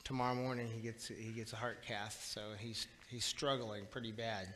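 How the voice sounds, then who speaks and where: A man's voice: mid-range voice, flat delivery, bright, forceful tone. Earnest man praying in a church hall. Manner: earnest, halting with repeated words. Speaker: pastor. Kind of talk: spoken church prayer. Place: small church sanctuary, indoors. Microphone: far camera at the back of the church. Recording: reverberant church hall, faint room hiss.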